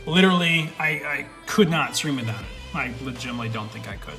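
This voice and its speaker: A man's voice: mid-range voice, expressive, fast, sharp tone, soft background music. A young man and streamer giving a casual, enthusiastic tour of his home desk setup, swearing now and then as he rambles through his gear, recorded on a studio mic. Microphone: studio USB/XLR dynamic mic.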